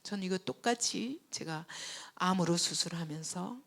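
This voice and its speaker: A middle-aged woman pastor preaching a sermon, moving between loud emphatic passages and hushed whispers. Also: fairly low pitch, unhurried, vocal fry.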